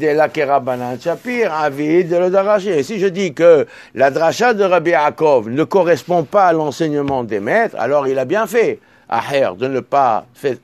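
Speaking in a slightly high, expressive and somewhat mellow voice, a male Torah teacher slowly reads Hebrew and Aramaic texts and then explains them in French. His explanations stumble, with words repeated and restarted. The sound is dry, without echo.

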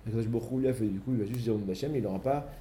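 A man leads a Torah study lesson, working through the text step by step and sprinkling his speech with Hebrew terms. His voice is mellow and relaxed, and a faint hum sits behind him. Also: medium pitch, rapid-fire. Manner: explains step by step, mixing in many Hebrew terms. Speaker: religious study teacher.

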